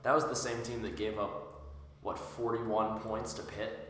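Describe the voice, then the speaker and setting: A man with a fairly low, hoarse voice chats casually about sports as a podcast panelist. The basement around him throws back a strong echo. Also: little pitch movement, measured pace, fairly bright tone. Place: in a home basement. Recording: very echoey basement with reverb.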